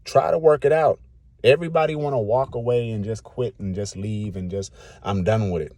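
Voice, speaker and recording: Late-30s male vlogger, blunt and preachy, dark mellow voice, dry recording. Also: fairly low pitch, fairly even intonation, brisk, dry recording. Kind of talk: casual rant to camera.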